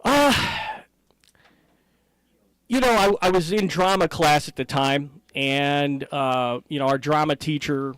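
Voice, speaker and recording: A man's voice: on the high side, slow, a bit bright, no echo. A middle-aged man with an American accent, a ring announcer answering interview questions conversationally.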